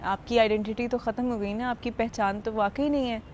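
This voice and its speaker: A woman in a relaxed interview, talking about her acting work in a chatty, storytelling way. Her voice sits a little high, and she often drops English phrases into her speech. A faint hiss runs under the recording. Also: brisk. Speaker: actress being interviewed. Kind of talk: casual interview talk.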